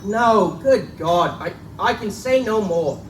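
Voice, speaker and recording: In an echoing bookstore, a man gives a live dramatic reading of a gothic pulp tale as Lee, an anxious, upright young clergyman's son cautioning a friend. He speaks slowly and expressively in a high-pitched voice, his warnings urgent, guarded and formal. The mic is distant and there is faint noise.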